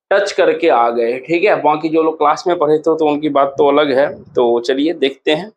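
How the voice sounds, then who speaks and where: A man's voice: sits high, dull audio. A male teacher with a Bihar Hindi accent walking students through exam answers in a casual, encouraging way. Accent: Hindi-speaking Bihar. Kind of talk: exam solution walkthrough.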